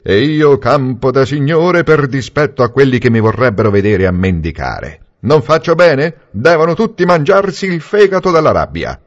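A man's voice: mid-range voice, big pitch swings, moderate pace, few pauses, voice pushed up, natural voice. A man reading aloud plays a middle-aged bookseller with a strong, robust voice who boasts with mock seriousness. The recording sounds dull and lo-fi. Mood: boastful. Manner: mock-serious, gleefully defiant.

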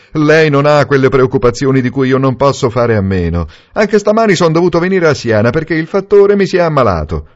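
A man's voice: mid-range voice, voice pushed up, lightly acted. A man reading aloud plays a wealthy landowner who talks about his burdens with fussy self-importance. The recording sounds dull and lo-fi.

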